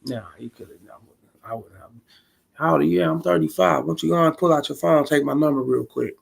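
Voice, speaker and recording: Gravelly, blunt man in his forties. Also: fairly high pitch, a little fast. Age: 40s. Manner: blunt, profane, rambling street talk. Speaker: streamer reacting to a video. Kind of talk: casual streamed commentary.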